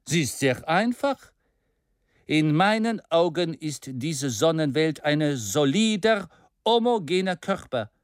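Man playing a fiery audiobook orator, raised and lively voice, declamatory, emphatic. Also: a little high, slow, clean tone, dry recording, studio quality, voice pushed up. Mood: rousing. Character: bold, fiery French male orator, enthusiastic dreamer.

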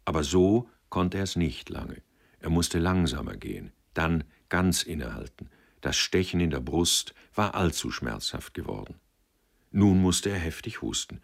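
A male audiobook narrator reads a literary novel in a measured, expressive way. His voice is very deep with a gravelly fry and a husky edge, and the pitch moves widely as he tells the story.

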